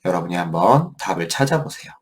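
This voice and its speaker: A middle-aged male pastor tells a Sunday school Bible story to children. His pitch swings widely as he narrates. He keeps turning to the children with questions. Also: sing-song, fast talker.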